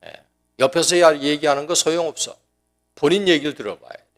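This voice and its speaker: A man with a slightly high voice speaks fairly quickly, preaching a sermon as a pastor in a folksy, joking, conversational style. He often restarts his sentences and acts out quotes in dialect.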